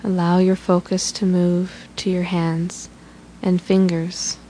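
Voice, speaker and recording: Here a woman offers soothing relaxation instructions in a slightly low, dark-toned voice, keeping her tone level and her pace very unhurried. The recording is low quality, with a faint underlying hiss.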